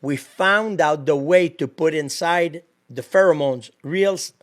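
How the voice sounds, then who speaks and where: High-voiced man with a French accent. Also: measured pace. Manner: animated, laughs often, searches for English words. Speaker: guest. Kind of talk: casual interview.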